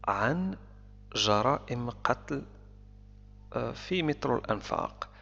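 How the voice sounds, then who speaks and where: A man with a gravelly, fry-edged voice teaches vocabulary in a calm, explanatory way, breaking each word down with short repeats. The recording has a long, hall-like reverb and a muffled, lo-fi tone. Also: medium pitch, unhurried. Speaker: English teacher. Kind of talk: explanatory language lesson.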